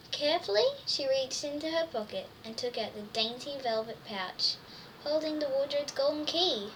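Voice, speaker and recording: A woman with a high, fairly bright voice reads a children's storybook aloud to young listeners, expressive and full of wonder and exclamation. The mic is distant, with faint background noise.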